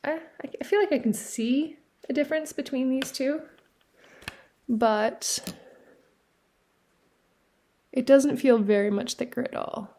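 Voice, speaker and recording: A knitting podcast host from Newfoundland, Canada, chatting casually and rambling with fillers and self-corrections as they show yarn and socks in a seaside cabin. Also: female voice, high voice, a little slow, pauses often, warm tone, a little hiss or hum. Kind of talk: casual show-and-tell chat. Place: cabin by the sea.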